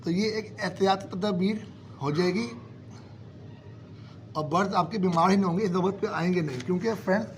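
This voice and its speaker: High-voiced guy with a sore throat, chatty bird-care tips, a little hiss behind. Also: a little fast, pauses often. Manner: steady, repetitive explaining, addresses viewers as friends. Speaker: bird keeping channel host. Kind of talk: casual advice talk to viewers.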